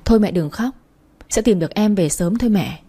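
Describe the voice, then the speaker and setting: A woman's voice: medium pitch, expressive, a little fast, mellow, slightly rough. A woman voicing a loyal, outspoken elder sister who talks in a feisty way.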